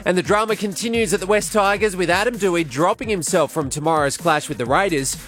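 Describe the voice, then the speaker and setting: A man's voice: high-pitched, quick pace, a bit bright. An Australian man reading a scripted breakfast radio news bulletin as newsreader. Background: music bed.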